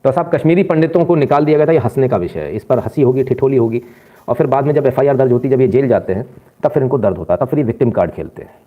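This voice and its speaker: Brief: fast, indignant male commentator lecturing viewers; lo-fi phone-line sound. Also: medium pitch, expressive. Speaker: news commentator. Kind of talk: opinionated news commentary.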